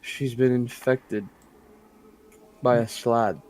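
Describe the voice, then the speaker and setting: A man's voice: medium pitch, fairly even intonation, slow pace, a little mellow. A man playing in a tabletop game, pressing urgently and insistently in character. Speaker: player. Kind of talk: casual tabletop role-play.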